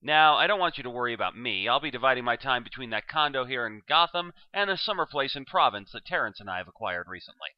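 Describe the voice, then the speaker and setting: A man's voice: mid-range voice, expressive, fast, hardly any pauses, dry recording, highs cut off, lightly acted. A man performing a comic dramatic monologue as an aging, sentimental supervillain, with florid, genteel, theatrical phrasing. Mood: apologetic, reassuring. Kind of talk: dramatic comic monologue reading, addressed as a staff speech.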